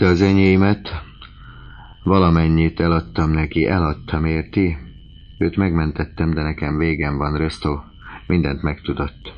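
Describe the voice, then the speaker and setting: A man's voice: extremely low pitch, a little mellow, a little hiss or hum. A man voicing a distraught young countess who confesses in a pleading, breathless way. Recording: slightly muffled lo-fi recording.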